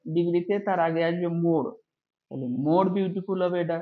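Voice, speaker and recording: A high-voiced man walks through a grammar lesson one rule at a time, drawing out the example words slowly so they're clear. His intonation stays fairly even, and the recording sounds lo-fi, echoey and dull, as if made in a room.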